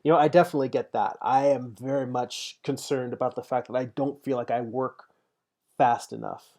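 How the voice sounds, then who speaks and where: A man in his forties with a gravelly, creaky edge to his voice, talking casually while he works. He thinks out loud as he goes and chats back to viewers between strokes. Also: mid-range voice, steady tone, brisk. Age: 40s. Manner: thinks aloud, chatty, answers viewer comments. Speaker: digital painter streaming his work. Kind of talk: casual livestream talk while painting.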